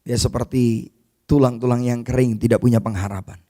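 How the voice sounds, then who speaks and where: Mellow and mid-range, the pastor's voice runs a little fast with fairly even intonation. His sermon feels casual and chatty, with offhand asides; he often says "saudara," or brother, to his listeners and brings the biblical figures to life with quoted voices.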